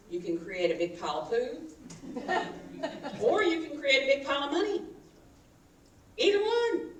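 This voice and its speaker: Woman minister preaching in an echoey hall. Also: high-pitched. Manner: animated, leads call-and-response with the congregation. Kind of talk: sermon. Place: church sanctuary. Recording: echoey hall, mic from far off, faint noise.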